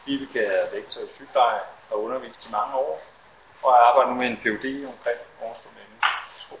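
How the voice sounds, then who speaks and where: A man's voice: medium pitch, fairly even intonation. A man acting as session moderator, introducing a speaker in a formal, announcing way. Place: lecture hall. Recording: echoey hall, dull sound, audience noise.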